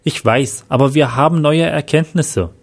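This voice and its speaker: A man's voice: fairly high pitch, normal speed, creaky. A man voicing a shaken male police inspector recounting events earnestly.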